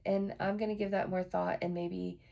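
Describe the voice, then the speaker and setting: A woman hosts her own podcast, chatting casually and frankly. Her voice sits low and gravelly, with a dark, mellow tone. She lets a swear word slip now and then. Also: little pitch movement, moderate pace, highs cut off. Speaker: podcast host. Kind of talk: casual solo podcast chat.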